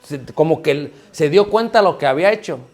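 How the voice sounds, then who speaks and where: A male preacher with a fairly high voice delivers his sermon like a chat with the congregation. He keeps asking rhetorical questions and calling his listeners brothers as he makes his points. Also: expressive, brisk. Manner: repeatedly addresses listeners as brothers.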